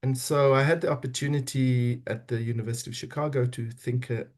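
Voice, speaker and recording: A middle-aged South African man with a South African accent appears as a podcast guest, talking reflectively in an interview. His mid-range voice has a steady tone and brisk pace, and he often restarts while searching for words.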